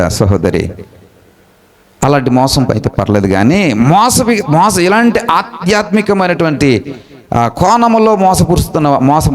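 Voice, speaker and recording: A man, preaching a sermon as pastor, asking the congregation questions and leaping high in pitch to stress his points. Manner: animated, lively pitch swings, rising high for emphasis; conversational, asks the congregation questions.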